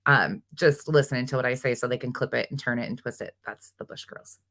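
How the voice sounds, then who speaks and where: Speaking fairly quickly in a rumbling low voice with a fairly bright tone, a woman runs a casual live chat. She hops informally between viewer comments, reading them out and responding.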